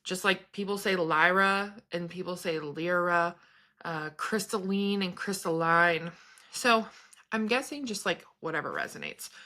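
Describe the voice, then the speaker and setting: A woman in her thirties talks casually to her viewers, wandering from thought to thought with small laughs. Her voice sits a little low but sounds bright and forward, with a crisp edge. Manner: chatty, meandering, laughs between thoughts. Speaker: spiritual vlogger and business coach. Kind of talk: casual chat to camera.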